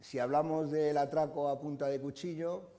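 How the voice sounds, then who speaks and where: A man's voice: a little high, steady tone, normal speed, mellow, long reverb tail. An older man giving a conference lecture in a university room, explaining at length with frequent "eh" fillers and restarts. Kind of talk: conference talk.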